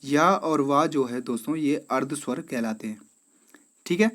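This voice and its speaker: A man's voice: mid-range voice, moderate pace, a bit bright. A man with an Uttarakhand Hindi accent, teaching as he walks through exam quiz questions one by one. He calls the viewers friends and keeps checking in with them. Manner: addresses viewers as friends, repeats "theek hai".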